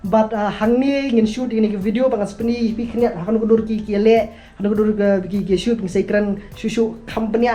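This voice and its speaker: A woman's voice: mid-range voice, steady tone, a little fast, mellow. A young woman hosting a casual vlog, chatting and giggling as she switches into English. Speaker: vlogger hosting a song collaboration.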